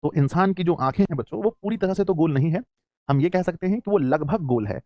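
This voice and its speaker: A man with a Hindi accent teaches an online class at a rapid clip. His voice sits a little high, and he fondly calls his listeners "children" as he quizzes them. The recording is close and dry. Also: lively intonation, a little mellow, no room sound. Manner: affectionate, calls students "children", asks and answers his own questions.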